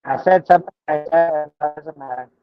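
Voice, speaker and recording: A man's voice: on the high side, brisk, soft background music. A man co-hosting a casual chat over a crackly, breaking-up video call, easygoing and hesitant. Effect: crackly, breaking-up video call audio. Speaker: stream co-host. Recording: dull lo-fi crackly call line.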